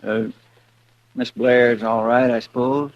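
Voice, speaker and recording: A man's voice: mid-range voice, level tone, no room sound, close to an everyday voice. Man playing Chester, folksy drawling deputy. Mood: concerned, respectful. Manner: deferential, folksy, unhurried. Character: loyal, folksy deputy, polite and simple-hearted. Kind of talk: 1950s radio western acting. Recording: dull vintage radio recording.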